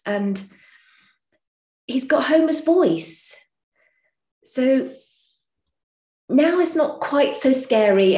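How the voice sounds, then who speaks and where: A woman talks through advice in a relaxed, encouraging way, frank enough to drop the odd swear word. Her voice sits at an ordinary middle pitch. The recording carries a noticeable roomy echo. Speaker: podcast host. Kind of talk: casual advice talk. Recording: echoey room.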